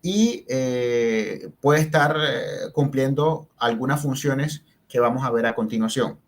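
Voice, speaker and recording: A male teacher walks through spelling rules step by step. He slows down to stress each example word and keeps checking in with short questions. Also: mid-range voice. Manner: explains step by step, asks "¿verdad?" and "¿sí?" to check in. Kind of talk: spelling and grammar lesson.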